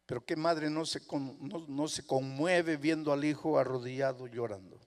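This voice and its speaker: A man preaching a sermon, telling a story dramatically and building to loud, emphatic climaxes. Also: fairly high pitch, normal speed. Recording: long hall reverb.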